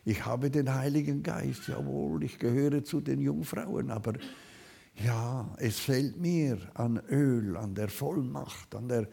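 A man preaching a sermon, fervent, swinging between loud calls and quiet asides. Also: medium pitch, slow, vocal fry, husky.

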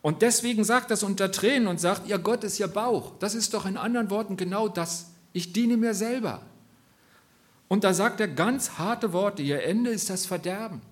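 Male preacher, fairly high voice, earnest sermon delivery, direct questions to the congregation, emphatic peaks and quiet drops. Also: normal speed.

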